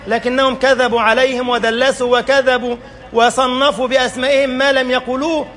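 A man with an Egyptian Arabic accent preaches in a very high voice with a rough, gravelly edge. He speaks emphatically and keeps asking his listeners rhetorical questions. Faint background noise runs under his speech. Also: a bit bright. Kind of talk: colloquial sermon.

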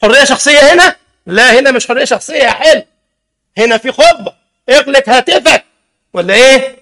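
A man with an Egyptian Arabic accent preaching a sermon in a mosque as imam, lively, full of rhetorical questions and teasing asides to the congregation. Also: very high voice, brisk, creaky.

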